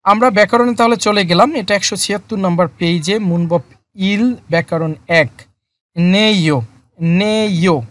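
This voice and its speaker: Slow, methodical language teacher. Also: mid-range voice, no room sound. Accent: Bangladeshi Bengali. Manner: slow word-by-word explanation with repeated terms and frequent fillers. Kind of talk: lesson explaining vocabulary and grammar.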